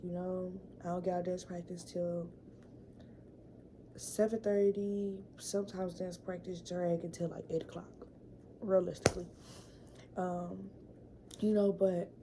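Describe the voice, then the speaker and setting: A woman's voice: on the low side, gravelly, dark tone, slight background noise, poor audio. A young woman telling a casual storytime vlog story, chatty, full of fillers and repeated words. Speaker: vlogger.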